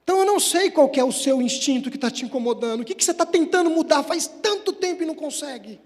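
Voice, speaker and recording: A man's voice: very high voice, expressive, fast talker, a little mellow. A man giving a Spiritist lecture, telling a personal story in an emotional, conversational way and speaking directly to his audience. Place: hall of a Spiritist center. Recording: long hall reverb.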